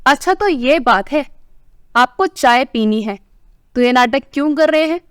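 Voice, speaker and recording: A woman voicing a sharp-tongued older wife who scolds her husband with a caring side, in a family story. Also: high voice, expressive, measured pace, clean tone, no room sound, clean studio sound. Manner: scolding, tart.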